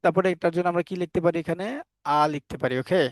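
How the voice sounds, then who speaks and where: A man's voice: high-pitched, fairly even intonation, racing, no echo. A man teaching a phonics class, spelling words out sound by sound and putting questions to the learners before answering them himself. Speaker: English teacher. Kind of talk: phonics lesson for Bengali learners.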